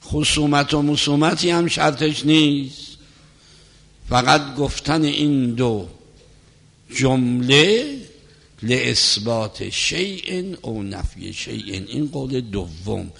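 Male cleric, mid pitch, gravelly, measured lecturing delivery; reverberant hall recording. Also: expressive. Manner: measured, explanatory lecturing, recites scripture softly. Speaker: cleric teaching religious law. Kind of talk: religious lecture with prayer.

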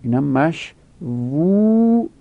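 Gravelly-voiced man teaching grammar. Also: on the high side, big pitch swings, no echo, narrow, tinny audio. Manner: rhythmic conjugation drills, rising emphasis. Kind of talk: Arabic grammar lesson.

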